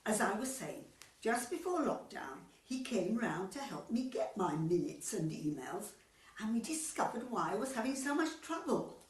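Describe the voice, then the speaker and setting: In an amateur radio comedy, a woman plays a sweet, scatty elderly widow who is fussy, flustered and earnest, rambling innocently. Her medium-pitched, sing-song voice has a darkish tone and normal speed, lightly acted, and she sits far from the mic in an echoey room with a little hiss or hum.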